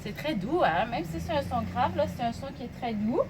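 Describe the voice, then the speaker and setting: A young woman, teaching a children's music lesson in a slow, encouraging, sing-song way. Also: sits high, expressive, background noise.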